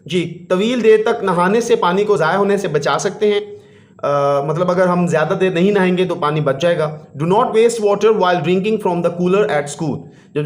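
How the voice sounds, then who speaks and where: Guy teaching kids a textbook lesson, reads english lines out slow then explains, kinda high voice. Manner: calls listeners children, sing-song stress on English words.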